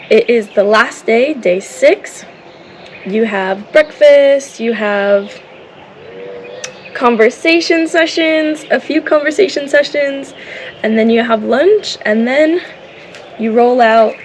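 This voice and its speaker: This vlogger, a native English-speaking woman, talks casually to camera in a fairly high voice, slowly and with long pauses. She's upbeat and excited about a volunteer program and keeps saying "awesome." A little hiss or hum is audible.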